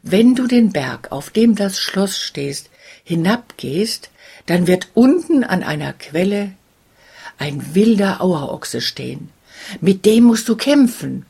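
A woman voicing a sad cursed princess in a fairy tale, speaking softly and sorrowfully, slow and breathy. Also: mid-range voice, animated, full character voice. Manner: soft, sorrowful, partly whispered.

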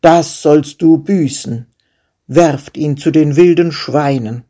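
A storyteller voicing a proud, angry king in a fairy tale, who shouts his commands. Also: medium pitch, takes it slowly. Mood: commanding. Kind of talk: storybook character voice.

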